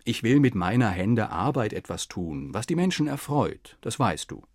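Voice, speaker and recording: A man's voice: on the low side, sing-song, moderate pace, no room sound, clean studio sound. A man voicing a pompous, moody old king in a read-aloud fairy tale, in a raised, emphatic, declaiming voice. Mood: pleased.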